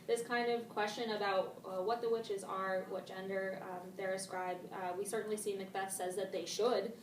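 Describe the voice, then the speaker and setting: A woman's voice: mid-range voice, little pitch movement, moderate pace. A woman teacher leading a casual discussion of a play, paraphrasing the text in everyday modern slang. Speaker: English teacher. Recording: roomy, distant mic, faint noise.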